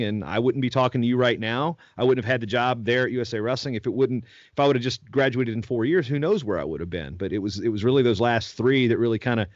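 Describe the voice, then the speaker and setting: A Virginia man in his forties, medium in pitch, appears as a podcast guest in a laid-back interview. His stories wander at length with frequent restarts, and the audio is dull, lo-fi, and dry with no room sound.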